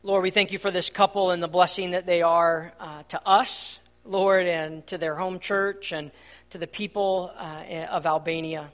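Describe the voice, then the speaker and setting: High-voiced pastor praying fervently. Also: male voice, steady tone, a little slow, fairly bright tone, in a large hall. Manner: fervent, repetitive prayer cadence. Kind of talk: congregational prayer.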